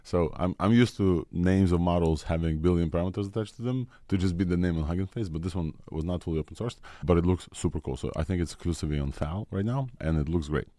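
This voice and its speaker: A man's voice: low voice, fast, few pauses, dark tone, no room sound, clean studio sound. A man with a Russian-Israeli accent hosting a casual, enthusiastic tech news rundown. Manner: enthusiastic, informal. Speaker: host.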